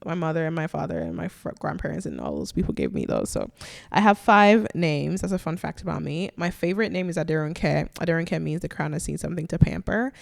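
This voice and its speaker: A woman's voice: low-pitched, lively intonation, a little fast, vocal fry. A young woman from Nigeria hosting a solo podcast, chatting casually with playful, self-teasing asides. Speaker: podcast host.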